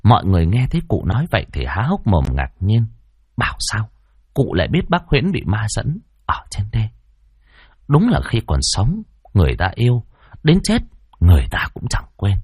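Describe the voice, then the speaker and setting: A man narrating a spooky folk tale in a dramatic, expressive way. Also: on the low side, moderate pace, breathy edge, dry recording, clean studio sound. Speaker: storyteller.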